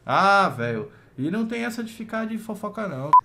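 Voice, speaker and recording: Brash, fast-talking Brazilian man, higher-pitched voice. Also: very animated, vocal fry, very noisy. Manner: brash, slangy, swearing. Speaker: game streamer. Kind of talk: casual gaming stream chat. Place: small room at home, indoors.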